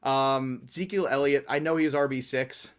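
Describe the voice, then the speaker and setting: A man's voice: medium pitch, normal speed. A man who is a guest on a sports podcast, talking casually, joking and laughing often.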